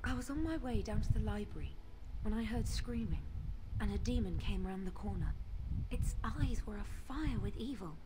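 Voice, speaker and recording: A woman's voice: medium pitch, animated, normal speed, few pauses, noisy background, natural voice. A woman playing a worried, shaken young female mage in a video game. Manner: worried, fearful.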